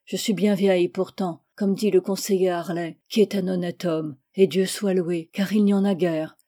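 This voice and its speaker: A woman voicing a kindly, plain-spoken old French matron who talks in a brisk, homely, practical way in a storybook reading. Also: lowish voice, fairly even intonation, warm tone, close to an everyday voice.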